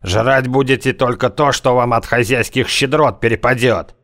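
A man voicing a tough, slang-talking gunman who threatens and mocks in a slow drawl. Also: medium pitch, fairly bright tone, pitched above the performer's own voice, lightly acted. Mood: menacing mockery. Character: tough slangy male gunman, menacing, scornful.

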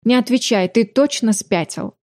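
A bashful yet stubborn young sorceress speaks in a raised, flustered voice as she protests, read by a woman. The tone stays mellow and soft-edged. The recording is close and dry, as in an audiobook booth. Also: fairly high pitch, moderate pace, no room sound, close to an everyday voice. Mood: protesting.

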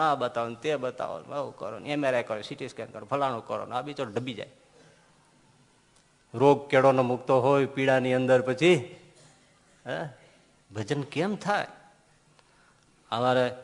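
A man giving a devotional sermon, telling stories and swinging between loud rises and quiet drops. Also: mid-range voice, big-room sound. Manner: storytelling, lively rises and drops in loudness. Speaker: preacher.

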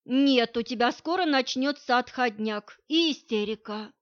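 A woman reading the lines of a tired, curt male security man in an audiobook, in a flat, dry delivery. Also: on the high side, measured pace, natural voice. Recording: dull lo-fi audio.

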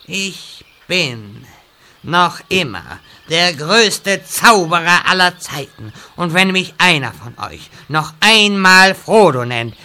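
In a fantasy parody audio play, a man voices a touchy grand wizard in a slightly high, sing-song, sharp voice. His delivery is unhurried, theatrical, exaggerated and grandiose, turning slangy when he gets flustered.

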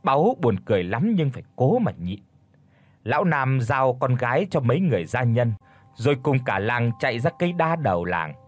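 Brief: male audiobook narrator for a spooky tale, husky tone, lively pitch swings. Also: moderate pace, no room sound. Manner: expressive, storytelling delivery. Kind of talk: dramatic horror story narration.

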